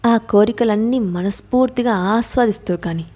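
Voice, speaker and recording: A woman's voice: mid-range voice, normal speed, warm tone, close to an everyday voice. A woman reading a cruel, menacing man. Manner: threatening, taunting.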